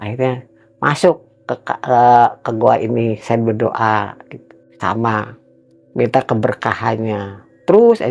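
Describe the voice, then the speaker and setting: A man's voice: mid-range voice, gravelly, darkish tone. Earnest Indonesian man telling his story. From Cirebon, West Java, Indonesia. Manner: earnest, emphatic, rises sharply when indignant; halting, restarts and repeated words. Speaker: guest telling his own experience. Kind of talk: casual storytelling interview.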